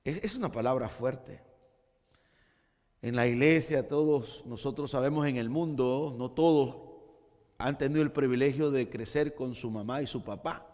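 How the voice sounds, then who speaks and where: A man's voice: mid-range voice, moderate pace, darkish tone, in a large hall. A man, a pastor, preaching a fervent sermon and often repeating words for emphasis.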